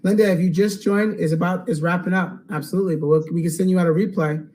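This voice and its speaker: A man hosting a live webinar Q&A, upbeat and salesy, checking in with "okay?" and going hoarse. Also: high voice, steady tone, quick pace, a little mellow, rough recording. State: losing his voice. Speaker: online course host.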